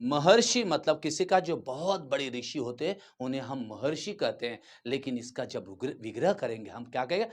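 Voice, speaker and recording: A man's voice: mid-range voice, animated. A man teaching a grammar lesson to children, stretching out words and often asking whether they follow. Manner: repeats words slowly and checks understanding.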